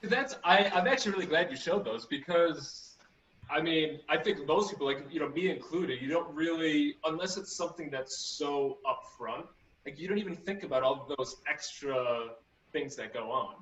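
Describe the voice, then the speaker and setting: A man's voice: on the high side, normal speed, a bit bright. A man chatting casually as an interviewer, on a distant, roomy, dull recording. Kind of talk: casual chat.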